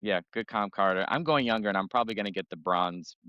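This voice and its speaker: A man's voice: lowish voice, quick pace, sharp tone, smooth, no echo. Man, podcast co-host, casual joking chat, dry dull lo-fi audio. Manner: laid-back, jokey, reads notes aloud.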